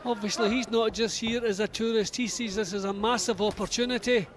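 A man's voice: high voice, fairly even intonation, a little fast. A man giving coaching-style expert analysis during a live boxing fight. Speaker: boxing pundit. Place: ringside at an indoor boxing arena. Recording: loud arena crowd behind.

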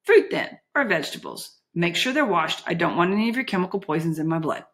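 A woman voicing a fiery, defiant female fairy captain who shouts demands with sarcasm. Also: lowish voice, expressive, fast.

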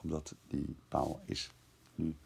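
A man's voice: rumbling low, level tone, slow pace, creaky, a little mellow, a little hiss or hum. A man teaching a lesson, translating verse word by word and thinking aloud as he explains the grammar. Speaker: classics teacher.

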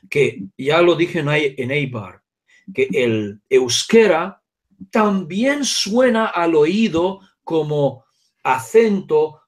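A man with a Hungarian accent, a native Hungarian speaker, explaining at length in an interview with many asides and checks on his listener. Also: sits high. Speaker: guest speaker.

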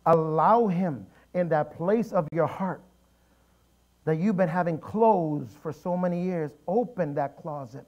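Man, preacher, high voice, emphatic repeated phrases, slightly muffled sound. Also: unhurried. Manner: animated storytelling, emphatic repetition. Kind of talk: sermon. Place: church sanctuary.

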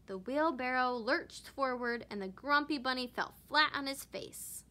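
A woman teacher reading a children's picture book aloud with expressive narration. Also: high voice, unhurried. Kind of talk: storybook read-aloud.

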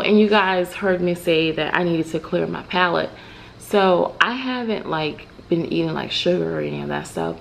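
Filmed in a bright room at home, this casual grocery haul vlog features a US woman speaking slowly in a gravelly, lowish voice, addressing viewers directly with plenty of filler words. The recording is low quality, with a little hiss or hum.

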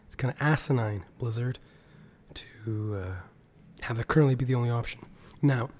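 Over screen capture, a male gaming video host delivers casual news commentary while suffering a sore throat. His mid-pitched voice is very muted, hoarse and strained, at times slipping to a whisper as though almost lost, a little mellow, and moderately paced.

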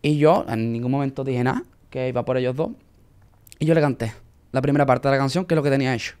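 A young man with a Spanish accent from Spain is a guest in a casual interview. He tells his story in a relaxed way and uses Spanish slang. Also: medium pitch, fast talker, clear, resonant tone. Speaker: singer guest.

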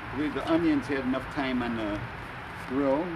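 A man explaining each step as he cooks on an outdoor grill, in a relaxed, casual way. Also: mid-range voice, moderate pace. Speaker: home cook. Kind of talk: casual cooking demonstration. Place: outdoor grill in a city at dusk. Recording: outdoor street noise.

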